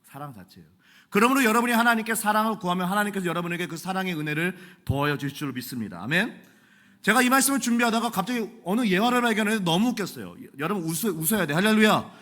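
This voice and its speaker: A male pastor preaching a sermon in a church, animated and joking in a conversational way. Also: high voice, fast. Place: church sanctuary.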